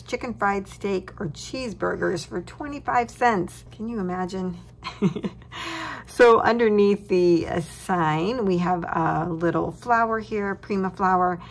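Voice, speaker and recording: Slow, low-voiced woman crafting host. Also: gravelly, a little hiss or hum. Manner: cheerful, chuckles at her own remarks. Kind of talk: relaxed crafting walkthrough. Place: tabletop craft desk, indoors.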